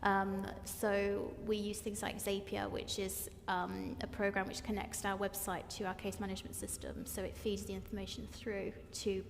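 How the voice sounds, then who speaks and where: A woman explains her firm's processes in a steady, measured way. Her voice has an even, flat delivery with plenty of vocal fry, carried on a long hall reverb over faint room noise. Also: mid-range voice. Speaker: panelist, law firm staff. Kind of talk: panel discussion.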